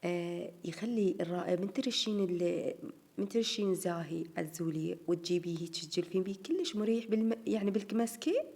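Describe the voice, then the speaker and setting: In a rapid, chatty voice-over, an Iraqi home vlogger narrates her daily routine, calling her viewers "girls." Her lowish, warm voice has an Iraqi Arabic accent and some vocal fry, and she stays animated even though she sounds tired and a little strained.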